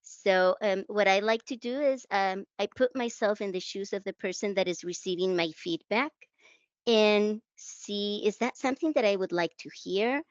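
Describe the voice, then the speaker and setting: Speaking at medium pitch and a normal pace, a Canary Islands woman appears as a guest translator in a conversational interview. She shares reflective, self-deprecating stories about her job in English, her second language, with a Spanish accent. There's no echo, though the audio sounds dull.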